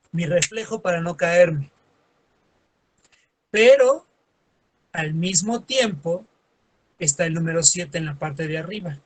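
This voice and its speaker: A man teaching a lesson, acting out everyday scenes in quoted voices and adding sarcastic asides. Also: high voice. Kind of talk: classroom lecture.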